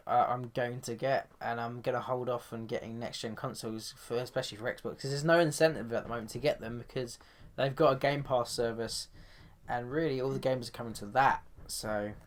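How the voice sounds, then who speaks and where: A man co-hosting a casual podcast, talking in a relaxed, hesitant way with lots of fillers. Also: mid-range voice, a little fast, few pauses. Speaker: podcast co-host. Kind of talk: casual chat.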